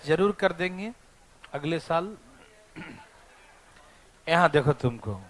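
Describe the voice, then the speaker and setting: A man's voice: on the high side, a bit bright. A male math teacher lecturing a classroom, teasing his students and checking in with them constantly.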